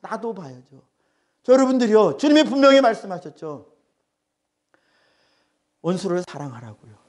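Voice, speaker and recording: A man's voice: high voice, sing-song, moderate pace. A male pastor preaching a sermon, emphatic and repeating his phrases.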